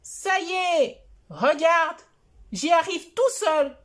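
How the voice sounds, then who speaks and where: An eager little penguin boy from a children's storybook speaks in a high, bouncing voice, as a woman puts him on. He comes across as excited and pleading, and he talks slowly enough for small listeners to follow. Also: exaggerated voice. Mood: proud excited.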